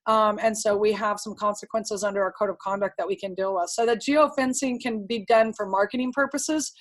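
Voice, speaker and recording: A woman presenting a webinar as a guest speaker, talking in a breathless, excited rush with frequent fillers and restarts. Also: medium pitch, fairly quick, low-quality recording. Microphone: webinar audio.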